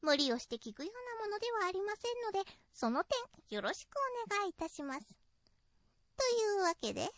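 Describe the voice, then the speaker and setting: A woman's voice: very high voice, sing-song, fairly quick, no room sound. A woman reading a scripted radio show introduction in polite, formal phrasing. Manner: polite formal phrasing with tongue-in-cheek disclaimers.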